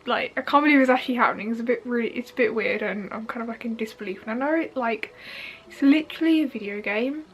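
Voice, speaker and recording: A young woman, sniffly from allergies, gushing and rambling excitedly in a casual vlog at home. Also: on the high side, a little hiss or hum, rough recording. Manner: gushing, giggly, fast and rambling with many fillers. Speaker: YouTuber reacting to a game trailer. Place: home front room.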